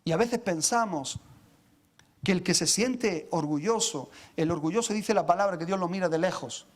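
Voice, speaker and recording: A pastor preaches in a high, ringing voice. He speaks with fervor, calling out to his brothers in the congregation, and stutters over repeated words when he pushes hardest. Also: moderate pace. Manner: impassioned, addresses listeners as brothers, repeats words when fired up. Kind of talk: sermon.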